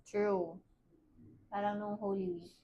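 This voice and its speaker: Relaxed woman co-host. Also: medium pitch, slow, highs cut off, slight background noise. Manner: relaxed, short agreeing replies. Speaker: podcast co-host. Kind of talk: casual chat.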